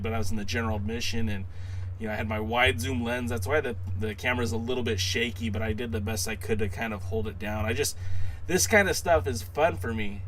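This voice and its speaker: A man's voice: fairly low pitch, fairly bright tone. American man, rambling fan podcast, noisy background. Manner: rambling, hesitant, enthusiastic fan talk. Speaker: podcast host. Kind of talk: casual recap commentary to viewers. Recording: clear background noise.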